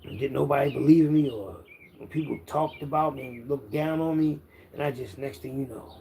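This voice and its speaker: This internet content creator, a Philadelphia man in his 50s, speaks at medium pitch, a little fast, with a gravelly, mellow voice on a low-quality recording. He boasts in a casual, self-assured, rambling street monologue full of slang, outdoors with birds chirping amid background noise.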